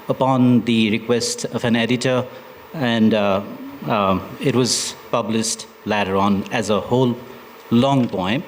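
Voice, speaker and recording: A man from Nepal, a poet reading his poems at a literature festival, slow and deliberate, with hesitant asides between poems. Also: mid-range voice, slight background noise, low-quality recording. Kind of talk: poetry recitation with spoken introductions.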